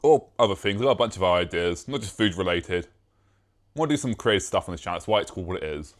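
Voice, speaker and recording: A young British man chats to his camera in a loose, rambling vlog. He is self-mocking and swears casually, and his voice sits slightly low. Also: lively intonation, fast. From Britain. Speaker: YouTuber.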